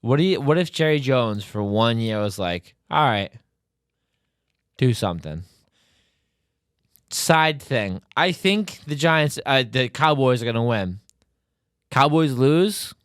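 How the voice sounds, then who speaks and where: A man's voice: medium pitch, expressive, moderate pace, few pauses, a bit bright, clean tone, no echo, studio quality. A man in casual sports banter on a podcast, brash and joking, teasing and swearing as he goes.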